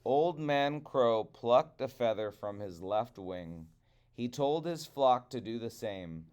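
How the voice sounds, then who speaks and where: A man telling a trickster tale as a storyteller, with deliberate, dramatic phrasing. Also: medium pitch, expressive, a little mellow, smooth.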